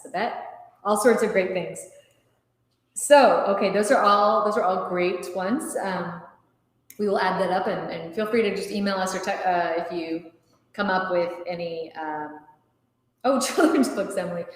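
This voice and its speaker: Casual woman trivia host, talkative, recorded in a boomy, reverberant room. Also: animated, moderate pace. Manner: chatty, reads quiz questions aloud. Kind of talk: casual livestream chat. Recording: very echoey room with long reverb.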